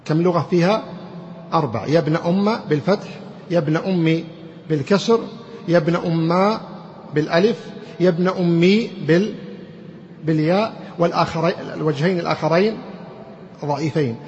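A man with a somewhat high voice teaches grammar to a class, explaining step by step and throwing questions at his students. The recording is dull and muffled, with a long reverb trailing off the hall and a faint hiss underneath. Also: darkish tone. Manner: explains slowly, quizzes students with rhetorical questions. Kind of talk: classroom lecture.

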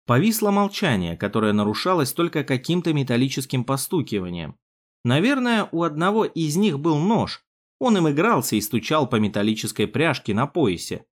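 A man narrating an audiobook chapter in first person with an expressive reading. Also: on the high side, normal speed. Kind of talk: scripted narration.

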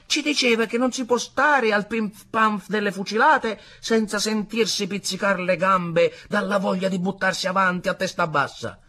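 A man voicing an excitable young sailor recounting a sea battle, with vivid, rising storytelling. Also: high voice, voice pushed up, full character voice.

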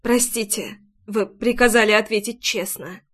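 A woman voicing a nervous, quick-tempered young woman who bursts out in sharp, anxious questions. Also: on the high side, natural voice. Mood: subdued.

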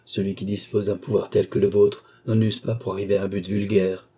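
A man's voice: lowish voice, little pitch movement, a little fast, mellow, breathy edge. A man doing an urgent young nobleman. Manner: urgent, pressing questions. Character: anxious young nobleman questioning his sister. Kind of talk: audiobook character reading.

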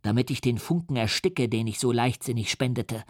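A man's voice: medium pitch, normal speed, no room sound, natural voice. An outraged young scientist hurling curses, as a man reads him out in a storybook reading. His declaiming is vehement, with a dry, close sound. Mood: furious. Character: enraged young male scientist cursing his creation.

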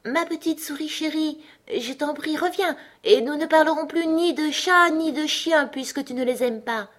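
A woman's voice: fairly high pitch, lively intonation, normal speed, soft background music, voice pushed up. A woman voicing a curious, polite little girl who talks eagerly to please.

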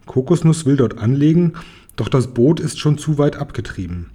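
A man calmly reading a children's book aloud. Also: medium pitch, moderate pace, husky. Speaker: reader.

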